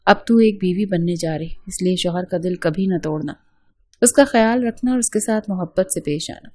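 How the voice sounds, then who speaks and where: A woman reading the lines of a calm, affectionate mother giving her daughter gentle advice in a storybook. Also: on the low side, husky.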